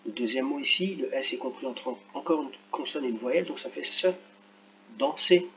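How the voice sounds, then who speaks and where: A man's voice: medium pitch, a bit bright. Male teacher, patient step-by-step lesson, slightly dull recording, faint hum behind. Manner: slow, careful, spells out sounds. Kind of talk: screen-recorded lesson correction.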